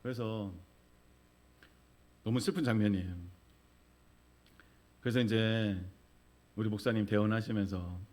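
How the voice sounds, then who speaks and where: A man's voice: on the low side, fairly even intonation, a little slow, long pauses, a little mellow. A middle-aged male pastor preaching a sermon, telling a vivid story and acting out the crowd's cries.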